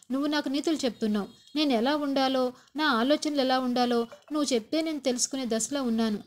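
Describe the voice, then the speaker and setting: A woman's voice: high-pitched, lightly acted. A woman voicing a stern, angry older father-in-law who scolds his family in a retold TV serial. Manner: scolding, lecturing.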